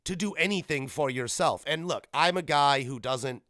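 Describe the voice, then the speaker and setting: Speaking at a moderate pace, this thirty-something man's voice is a little high, pushed and bright. He hosts a gaming podcast alone, wandering casually through his thoughts and self-correcting. The recording, made on a podcast mic, is dry and studio quality.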